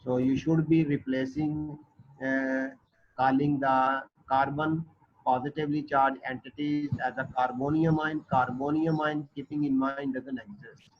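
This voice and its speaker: A man's voice: medium pitch, flat delivery, unhurried. A man with a North Indian accent giving a classroom chemistry lecture, explaining and checking understanding with short tag questions. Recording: dull muffled audio with background noise.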